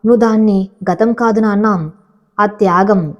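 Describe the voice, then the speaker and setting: A woman's voice: mid-range voice, measured pace, highs cut off, close to an everyday voice. A woman reading a remorseful tearful young man.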